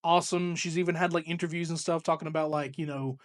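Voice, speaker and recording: A man's voice: fairly high pitch, steady tone, fast, no room sound, studio quality. A man co-hosting a wrestling podcast, chatting casually, loose and profane, laughing often. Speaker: podcast co-host. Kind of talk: casual chat.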